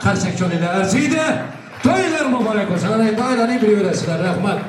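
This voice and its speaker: A man's voice: sits high, animated, quick pace. A man who is a native Turkmen speaker, hosting a wedding party and announcing to the guests. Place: wedding celebration venue. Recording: echoey party hall, far-off, crowd noise. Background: crowd of guests.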